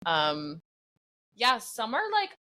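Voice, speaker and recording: A woman's voice: on the high side, wildly swooping pitch, takes it slowly, sharp tone. A woman being interviewed about her podcast acting, talking in a rambling, self-deprecating way full of "like". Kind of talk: casual interview chat.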